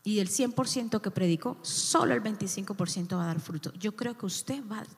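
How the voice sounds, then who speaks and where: A woman's voice: mid-range voice, in a large hall. A woman, a youth pastor preaching a sermon in a church, with impassioned, emphatic repetitions.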